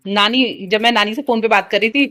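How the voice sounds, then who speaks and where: Filming a home vlog indoors, a mother of three small children coaxes them, scolds them with playful threats, and talks to the camera. Her voice is on the high side, brisk, bright and forceful, with faint music behind.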